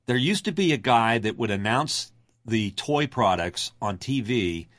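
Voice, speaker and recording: A man's voice: medium pitch, lively intonation, measured pace, fairly bright tone, no room sound, clean studio sound. A middle-aged man, a radio announcer, telling stories in a casual interview with a projected announcer delivery.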